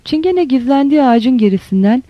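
A woman reading a novel aloud as an audiobook narrator, in a measured, steady way. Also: sits high, no room sound, lo-fi sound.

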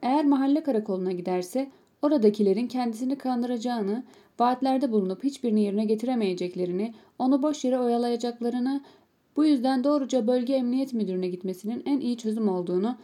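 Mellow, high-pitched woman narrating a story. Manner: calm, measured storytelling reading. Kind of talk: audiobook narration.

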